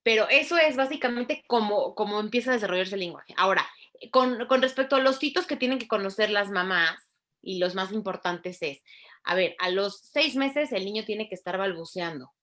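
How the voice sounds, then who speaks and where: Woman, bright voice, didactic, clear, interview guest. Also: mid-range voice, expressive. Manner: clear, didactic, spells out sounds slowly. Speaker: speech therapist. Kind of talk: explaining in an interview.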